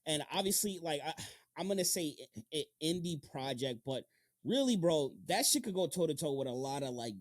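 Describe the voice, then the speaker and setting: A podcast host from Long Island, United States, runs a casual interview in loose slang, swearing often and repeating words for emphasis. His voice sits on the high side and is expressive and brisk, captured in clean studio sound with no room echo.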